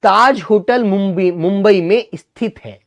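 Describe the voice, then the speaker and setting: Hindi teacher coaching students in class. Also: male voice, high-pitched, unhurried. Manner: asks students questions and answers them himself, calls them "beta" and "mere bhai". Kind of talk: online exam-prep class.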